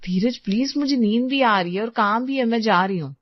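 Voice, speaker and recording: A woman's voice: fairly high pitch, fairly quick, no room sound, natural voice. A woman voicing a sweet but distracted young wife in a cartoon, chatty and pleading. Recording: dry, slightly dull lo-fi sound.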